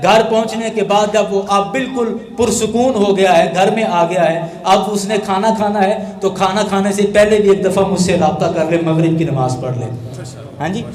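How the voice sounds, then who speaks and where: High-pitched preaching man, echoey hall. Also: darkish tone. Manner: preaching, rhetorical questions. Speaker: Islamic scholar. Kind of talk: sermon.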